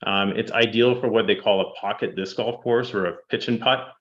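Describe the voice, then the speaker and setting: A man presenting statistics to a city council, steady and fact-heavy, with frequent ums. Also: lowish voice, a little fast, highs cut off. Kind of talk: public presentation. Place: council chamber.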